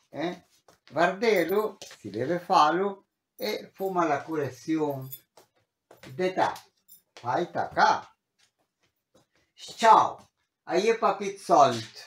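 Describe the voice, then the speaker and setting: Slow-speaking male teacher in an echoey room. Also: on the high side, fairly bright tone. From Argentina. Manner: explanatory, repeats words and switches between languages; tags sentences with questioning "eh?". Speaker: language teacher. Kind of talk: online language lesson. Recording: roomy echo.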